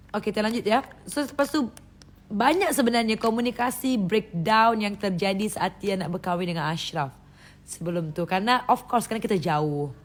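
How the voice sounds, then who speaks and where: A woman from Indonesia chatting on a live stream, lively and loose, who laughs often. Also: fairly high pitch. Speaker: livestream host. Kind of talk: casual live-stream chat. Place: indoors, live stream from a phone.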